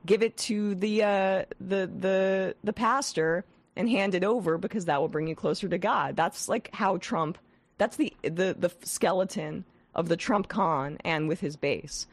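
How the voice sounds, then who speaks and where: Hosting a political talk show with a head cold, a woman speaks in a lowish voice with some vocal fry, at a measured pace and with no echo. Her manner is scathing and animated, and she frequently restarts her sentences.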